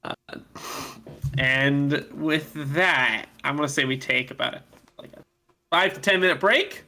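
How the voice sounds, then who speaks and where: Bright, rambling tabletop player. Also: medium pitch, measured pace. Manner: rambling, laughs along. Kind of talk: casual chat in a tabletop stream.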